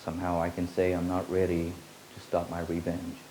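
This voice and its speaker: A man with a very low, mellow voice delivers a slow, meditative spiritual teaching, repeating phrases like an incantation with a completely flat delivery and almost no pitch movement. The low-quality recording carries a faint old-tape hiss beneath him.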